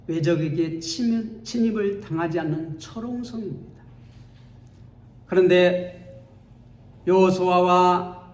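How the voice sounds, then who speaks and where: A male pastor preaches in a high-pitched voice, taking his time and letting each phrase land. He tells the story dramatically, acting out its scenes. His voice rings around an echoey church sanctuary. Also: darkish tone. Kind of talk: sermon.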